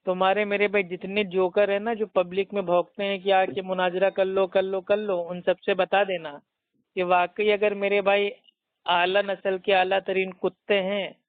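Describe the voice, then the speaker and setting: Man, Indian accent, high pitch, combative, mocking, preachy, phone-line sound. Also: flat delivery, moderate pace, smooth, no room sound. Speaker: debater. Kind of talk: heated phone argument. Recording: tinny dry phone line.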